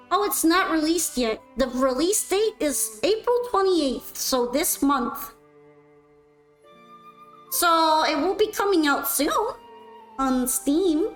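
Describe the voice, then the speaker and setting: A woman's voice: sits high, rough recording. A woman streamer chatting casually with her viewers while playing, self-mocking and answering questions. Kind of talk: casual chat while gaming.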